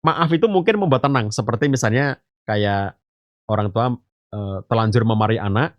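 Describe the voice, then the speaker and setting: A man's voice: medium pitch, moderate pace, no room sound. A man, an Islamic teacher on a podcast, giving a parenting talk and explaining through homely stories and analogies, addressing listeners as fathers and mothers and often saying "gitu" and "eh". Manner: addresses listeners as ayah bunda; frequent filler gitu and eh. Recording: dry, slightly muffled.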